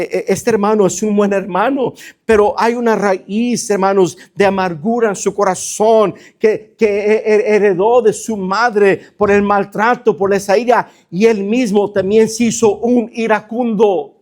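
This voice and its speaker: Male pastor, high voice, fervent sermon style, keeps addressing the flock. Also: darkish tone. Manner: fervent preaching, constantly addressing the congregation as brothers.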